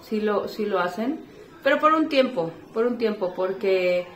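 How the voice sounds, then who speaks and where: A woman, a mother and small business owner, talking softly and emotionally to her viewers in a casual home vlog. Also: mid-range voice, animated, unhurried, a little hiss or hum, poor audio. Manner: soft, emotional and heartfelt, thanking viewers. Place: home kitchen, a film playing in the background.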